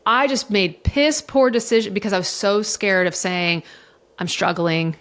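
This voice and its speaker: A middle-aged woman speaking frankly in a podcast interview, her pitch sitting in the middle of the range. Her talk is emotional and raw, with swearing mixed in as she tells her story. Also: lively intonation, normal speed, a bit bright. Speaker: divorce coach and mediator guest. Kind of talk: candid conversational interview.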